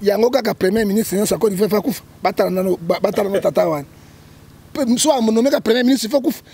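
In a rapid-fire, high-pitched voice that is gravelly yet mellow, a Congolese-accented man acts as a prophet guest. He offers emphatic political commentary in the interview, quotes scripture and often checks in with "hein?".

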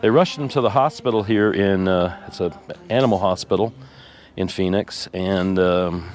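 Guy talking to his rv vlog viewers, kinda low voice, tearful, lots of ums, music in the background. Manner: rambling, halting, with many ums and uhs. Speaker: RV vlogger. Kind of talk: casual vlog talk to camera.

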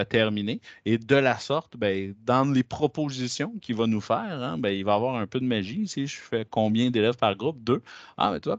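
A man with a Québécois French accent walking teachers through classroom software in a chatty, hesitant way, with plenty of fillers. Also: medium pitch, no echo, lo-fi sound. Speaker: educational technology trainer. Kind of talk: screen-share software demo. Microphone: headset.

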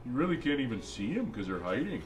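A man's voice: mid-range voice, very animated, fast, music in the background, close to an everyday voice, poor audio. A man playing a jolly old Santa Claus, reading a children's storybook aloud with playful, musing asides to the kids. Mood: playful, animated. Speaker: storybook reader.

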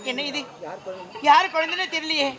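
A woman's voice: high voice, moderate pace, bright, forceful tone. A woman playing a tender, tearful young bride-to-be in an open-air folk stage drama, with an emotional, pleading delivery.

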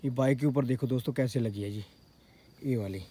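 A man hunts ghosts outdoors at night, talking to a handheld camera. He swings from startled shouts to hushed whispers, and his voice stays mellow and dark. Faint outdoor noise sits behind him. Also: mid-range voice, brisk. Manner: jumpy, exclaims often, switches between loud cries and hushed whispers. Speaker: paranormal vlogger. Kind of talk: night ghost-hunting vlog.

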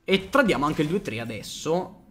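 A young man in his twenties with an emphatic, excitable delivery, swearing as he comments live on a game with friends. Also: on the high side, moderate pace. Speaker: streamer playing a card game. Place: indoor room.

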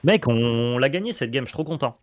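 A man co-hosting casual gameplay commentary, quick and excitable as he coaches his partner through each turn. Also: mid-range voice. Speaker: co-host advising the player.

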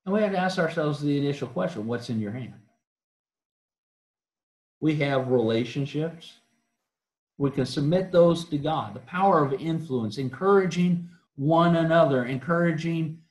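A man with a fairly high voice delivers an earnest sermon full of direct questions to his listeners. He often stumbles and restarts mid-phrase. The sound carries the echo of a church auditorium. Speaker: preacher. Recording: echoey church hall.

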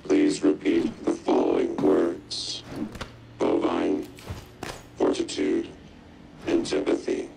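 An actor voicing a stern male security computer in a video game, giving flat, clipped prompts through a robotic voice-lock system. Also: a bass voice, slow pace, creaky, long pauses, very noisy, heavily acted.

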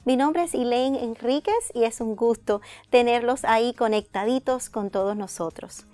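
A woman's voice: on the high side, moderate pace, mellow. A middle-aged woman hosting an interview programme in an effusive, complimentary way. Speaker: host. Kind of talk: scripted-sounding programme introduction and interview. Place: indoor radio and TV studio set. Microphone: lapel mic.

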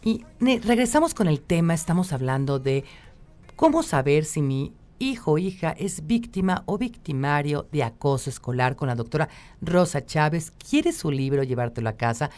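Mexican woman radio host, lowish voice, upbeat, reads listener greetings on air. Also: lively intonation, normal speed, a little mellow. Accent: Mexican Spanish. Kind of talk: live radio talk show.

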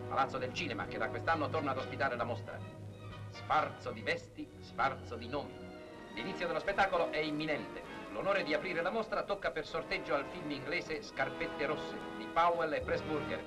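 A man's voice: fairly high pitch, moderate pace. Man narrating an old newsreel over music. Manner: formal, declamatory announcer delivery.

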